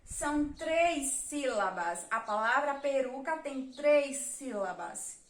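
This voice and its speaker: Slow, patient Brazilian woman teacher. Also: high voice, lively intonation, reverberant. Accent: Brazilian Portuguese. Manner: slow, patient, counts and spells aloud. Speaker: primary school teacher. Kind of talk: remote lesson for children.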